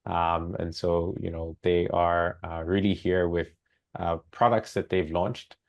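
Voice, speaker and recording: A man moderating an online pitch event in a relaxed, loose way, calling on the jury over a video call. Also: measured pace, vocal fry, dull audio.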